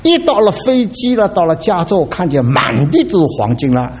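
Middle-aged male pastor, expressive sermon delivery, wide pitch swings, slightly high voice. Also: normal speed. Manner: animated, dramatic exclamations.

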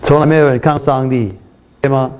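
Preaching on a Bible passage, a man speaks fairly quickly with fairly even intonation and a darkish middle-pitched voice. He circles back over his words, restarts phrases, checks that his audience follows, and raises his voice for emphasis while reading scripture. The low-quality recording carries a slight hiss or hum.

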